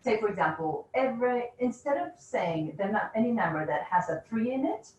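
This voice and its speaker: A woman leading teachers through a classroom game, giving quick, instructive directions and laughing often. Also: fairly high pitch, animated, darkish tone, a little hiss or hum. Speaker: teacher trainer. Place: classroom or training room. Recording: roomy, distant, dull classroom sound.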